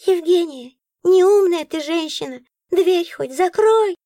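A woman's voice: very high voice, takes it slowly, warm tone, no room sound, studio quality, pitched above the performer's own voice, exaggerated voice. A woman voicing a grumpy, bossy talking magic book who scolds and snaps. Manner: scolding, snappish.

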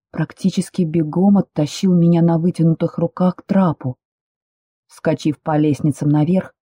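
Dark, husky woman reading a novel. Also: on the low side, no room sound, studio quality. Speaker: audiobook narrator. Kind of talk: first-person novel reading.

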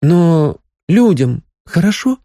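A man's voice: fairly high pitch, very animated, slow pace, dark tone, no echo, studio quality, voice pushed up, exaggerated voice. A man voicing a teasing, lovestruck young village woman in a raised, girlish, pleading voice. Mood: earnest, teasing.

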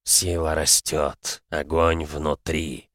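Guy doing a weird bird-spirit lady, talks super slow in broken bits, low and dry. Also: flat delivery, a bit bright, no room sound, exaggerated voice. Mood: cryptic. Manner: slow broken halting speech. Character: strange birdlike female wind creature, cryptic.

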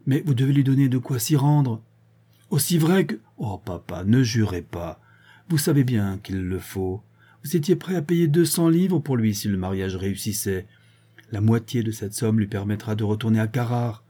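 A brisk, firm young woman reasons with her father, as a man reads her in an audiobook. The voice stays low and dark, with a husky edge to it. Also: lively intonation. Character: young woman, sharp-tongued, protective of her brother.

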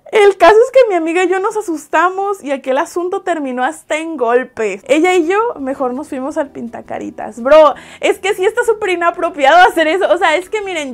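A young woman with a Mexican accent reads viewer stories aloud and comments on them in a lively, casual way, laughing and exclaiming often. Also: sits high. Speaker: host reading viewer stories.

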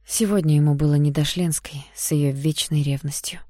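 A woman reading a novel aloud in measured, scripted narration. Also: deep voice, steady tone, warm tone, dry recording, studio quality. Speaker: audiobook narrator.

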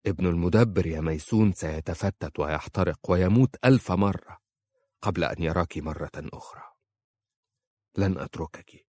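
A man reading an audiobook and voicing a calm, devoted young man who speaks quietly and firmly. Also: low-pitched, husky, no echo. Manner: quiet and firm. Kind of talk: audiobook character voice.

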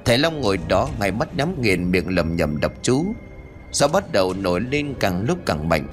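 Male horror narrator, lively melodic delivery, faint music underneath. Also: low voice, normal speed. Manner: expressive, dramatic storytelling. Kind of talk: ghost story narration.

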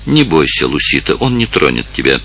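A man voicing a calm and firm old village elder in an audiobook. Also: normal speed, a little hiss or hum, heavily acted. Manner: calm, firm, low and steady.

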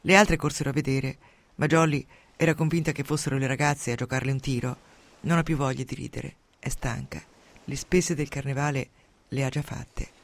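A man reading a novel aloud in a dramatic, expressive way, sinking to hushed tones at tense moments, into a close studio microphone. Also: mid-range voice, moderate pace. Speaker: reader. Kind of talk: dramatic audiobook narration.

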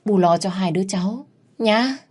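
Woman doing a shrill spiteful old mother-in-law. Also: normal speed, a little mellow, natural voice. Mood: coaxing. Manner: shrill, wailing, scolding.

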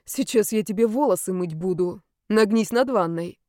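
A woman's voice: medium pitch, moderate pace, mellow, dry recording, clean studio sound, natural voice. A woman reading a storybook, voicing a bossy, sarcastic young woman who gives stern, icy commands.

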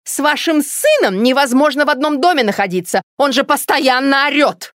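A haughty, spiteful middle-aged lady speaks shrill and high, put on by a woman narrating a storybook. She sounds loud and cutting. The recording is dry and close. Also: animated, moderate pace, no room sound. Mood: haughty angry.

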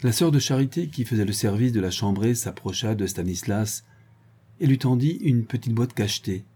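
A man reading a literary short story aloud in a measured, expressive manner. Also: medium pitch, breathy edge. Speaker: audiobook reader. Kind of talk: literary narration.

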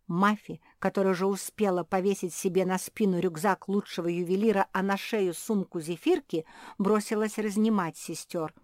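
A woman narrating a children's audiobook in a lively, expressive reading style. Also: mid-range voice, dry recording, clean studio sound.

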